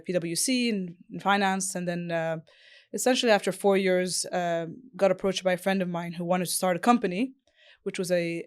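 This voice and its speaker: A woman's voice: lowish voice, clear, resonant tone. A woman from Morocco, a business founder and interview guest, who answers fluently and thoughtfully with frequent fillers.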